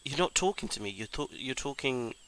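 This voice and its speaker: A young man hosting a casual podcast chat, firing off dry, deadpan comebacks. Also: medium pitch, a little fast, poor audio. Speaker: podcast host.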